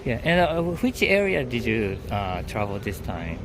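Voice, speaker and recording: A man whose first language is Japanese, interviewing tourists in halting English with many backchannels. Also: fairly low pitch, very animated. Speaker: YouTube interviewer. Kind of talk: street interview. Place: outdoors on a city street. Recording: street noise outdoors.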